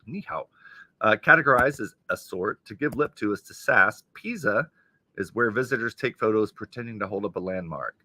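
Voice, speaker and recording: Lively, bright-voiced man chatting on a stream. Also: fairly low pitch, moderate pace, no room sound. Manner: chatty, reads clues aloud and muses on them. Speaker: live stream host. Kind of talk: casual live-stream chat while solving a crossword.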